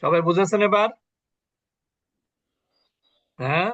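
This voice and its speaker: A man teaching Quran recitation rules in an online class, explaining patiently, quizzing his students and chanting example words slowly. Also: high voice, a bit bright, muffled recording. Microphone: video call.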